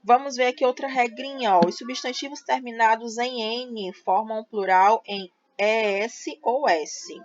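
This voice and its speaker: A woman teacher, explaining a grammar lesson slowly and patiently, spelling out syllables for her students. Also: fairly high pitch, fairly even intonation. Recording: slightly dull lo-fi audio.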